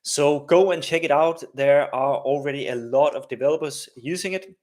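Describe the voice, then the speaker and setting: A man's voice: fairly high pitch, moderate pace, darkish tone. Chatty man hosting a live stream. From Denmark. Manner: chatty, many fillers and tag questions. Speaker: host of a live coding stream. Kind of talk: casual live-stream walkthrough.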